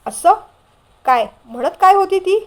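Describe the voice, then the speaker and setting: A woman's voice: very high voice, animated, a little slow, voice pushed up. Brief: a woman reading a bashful groom-to-be, curious and questioning.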